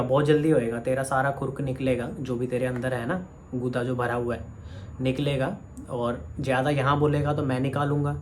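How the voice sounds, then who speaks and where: A man's voice: medium pitch, a little hiss or hum. Man scolding a commenter straight to camera. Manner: scolding, addresses a commenter directly. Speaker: vlogger. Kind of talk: heated direct-to-camera rant.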